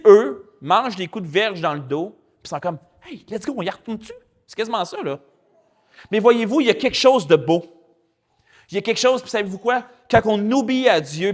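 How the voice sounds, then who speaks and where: Animated Québécois pastor, somewhat high voice. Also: male voice. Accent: Québécois French. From Quebec. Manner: animated, colloquial and chatty, with spoken English slang. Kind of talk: storytelling sermon.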